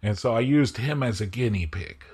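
A man narrating a tabletop game as game master, speaking slowly and deliberately with frequent hesitations. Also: mid-range voice, a little mellow, husky. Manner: slow, deliberate, hesitant with many fillers.

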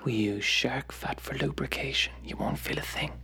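An actor playing a lewd island host who talks in a sly, suggestive way and drops into whispers. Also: male voice, mid-range voice, moderate pace, gravelly, bright, forceful tone, slightly rough, heavily acted.

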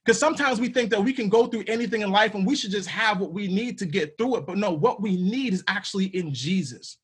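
A man with a high, husky voice leads a podcast Bible study. He teaches casually but with emphasis, using slang and often repeating words as he goes. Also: brisk.

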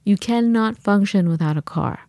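A woman co-hosting a podcast, chatting casually and telling animated stories, acting out what people said. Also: medium pitch, moderate pace, no echo, studio quality. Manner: animated storytelling with acted-out quotes. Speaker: podcast co-host.

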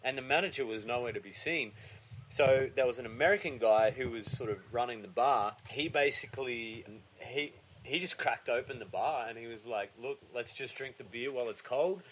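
A man's voice: medium pitch, moderate pace, a bit bright, slight background noise, poor audio. An Australian man telling an anecdote in casual chat, with a bro-like, slangy, sweary manner.

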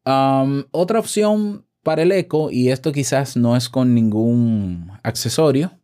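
Guy chatting on his podcast from home, relaxed mellow tone, talks right into the mic. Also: mid-range voice, measured pace. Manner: chatty, asks the listener questions. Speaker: podcast host. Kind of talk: casual podcast tips monologue. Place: home room. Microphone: shotgun mic held close.

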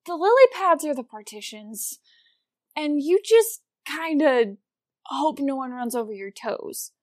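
A woman's voice: high voice, expressive, measured pace, no echo, studio quality. An American woman co-hosting a casual comedic history podcast, with an irreverent, casually sweary way of talking. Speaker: podcast co-host.

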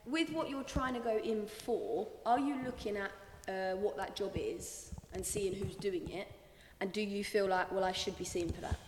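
A woman's voice: mid-range voice, moderate pace, a little hiss or hum. A woman with an Essex accent giving blunt, emphatic, encouraging advice in a casual live Q&A. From Essex, England. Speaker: panel guest, experienced dancer giving career advice. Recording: echoey hall.

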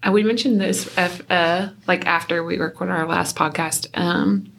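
A woman co-hosting a podcast, talking in a hesitant, halting way. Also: on the low side, steady tone, fairly bright tone. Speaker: podcast co-host. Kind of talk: casual chat.

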